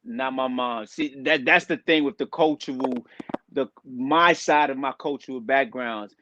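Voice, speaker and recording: A man's voice: mid-range voice, unhurried, bright, forceful tone, muffled recording, slight background noise. A man from Liberia, a rapper, talking in a laid-back, conversational way as an interview guest. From Liberia, West Africa. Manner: laid-back, conversational, says "you know what I mean" a lot. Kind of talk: casual interview talk.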